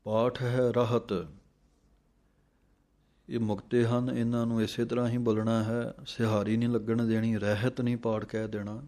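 A man teaching scripture recitation. He chants verses slowly, then explains pronunciation in quicker speech. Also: medium pitch, little pitch movement, warm tone.

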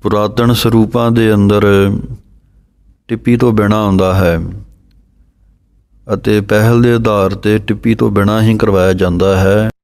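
A man teaching correct scripture recitation, spelling out letters and pauses in a careful, measured way. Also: on the low side, fairly even intonation, darkish tone. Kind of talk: slow instructional recitation lesson.

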